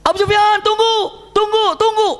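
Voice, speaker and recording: A man voicing a loud, panicked man who shouts as he runs after someone. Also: fast talker. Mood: panicked shouting. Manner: booming shouts.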